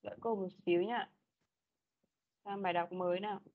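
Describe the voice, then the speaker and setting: A woman's voice: mid-range voice, fairly even intonation, a little fast. A woman teaching an online English class, patiently repeating prompts and correcting pronunciation. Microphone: video call. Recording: dull lo-fi call audio.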